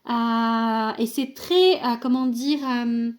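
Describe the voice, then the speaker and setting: A woman's voice: on the high side, fairly even intonation, slow pace. A young woman casually presenting an oracle card deck, hesitant with many fillers, reading card texts aloud.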